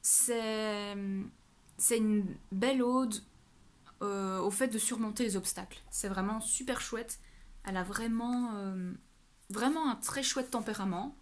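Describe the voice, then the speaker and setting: A woman chatting casually through her monthly reading update. Her pitch sits in an ordinary middle range, and she gushes with exclamations as she goes. She talks off the cuff and often backs up to restart a phrase. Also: slow pace. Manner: gushing and exclamatory about books; talks off the cuff with many self-corrections. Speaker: book vlogger.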